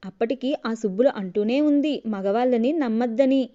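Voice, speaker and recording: A woman's voice: a little high, moderate pace, warm tone, natural voice. A woman storyteller voicing a naive, melodramatic young wife who talks sharply and theatrically. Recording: dull lo-fi recording.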